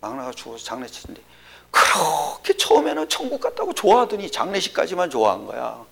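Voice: mid-range voice, huge pitch swings, a little fast, gravelly, a bit bright. A pastor preaching a sermon to a congregation, often asking questions and dropping to a whisper for emphasis. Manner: drops to a whisper for emphasis, asks the audience questions.

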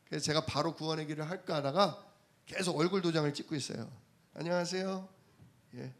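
A man's voice: on the high side, fairly even intonation, quick pace, a bit bright. A man preaching a sermon, telling everyday stories and asking the congregation rhetorical questions. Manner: conversational storytelling from daily life.

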